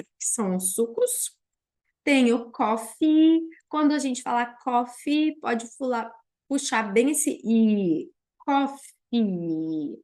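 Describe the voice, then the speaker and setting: A young woman from Paraná with a Brazilian Portuguese accent, teaching English vocabulary and slowly repeating each word for her students. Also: a little high, a little mellow. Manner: drills English words slowly and repeats them for learners. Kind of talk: online vocabulary lesson.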